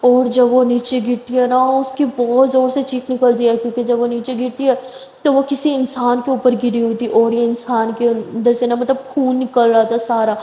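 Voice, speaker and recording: Lady telling a story, chatty and lively, kinda echoey. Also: fairly high pitch, normal speed. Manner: lively, conversational. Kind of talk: storytelling narration. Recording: echoey room with long reverb.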